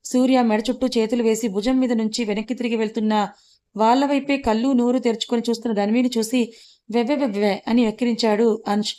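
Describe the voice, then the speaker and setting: Fast-reading woman storyteller. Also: fairly high pitch. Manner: brisk, expressive storytelling. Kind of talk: scripted audiobook narration.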